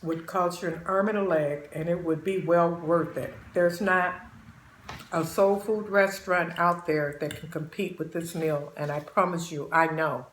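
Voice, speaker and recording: A fairly low-pitched, steady voice comes through a little slowly, with reverb and a slight hiss or hum. The woman, in her sixties, hosts her channel and eats as she chats, offering folksy maternal wisdom to viewers she calls babies.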